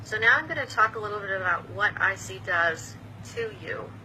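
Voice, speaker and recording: A patient advocate in her fifties explains an illness to camera with earnest, plain patience, making small restarts along the way. Her mid-range voice is animated and fairly quick, with background noise present.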